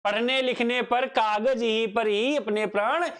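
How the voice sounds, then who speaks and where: A man giving a grammar lecture at an unhurried, deliberate pace, his voice sitting high for a man. He poses questions to himself and answers them, then repeats each definition so it sinks in. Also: steady tone, a bit bright. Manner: addresses students fondly as child. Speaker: teacher.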